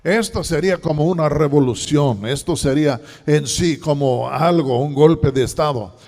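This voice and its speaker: A man preaching a sermon, dramatic and shifting between loud and hushed. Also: on the high side, normal speed, long reverb tail. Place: church.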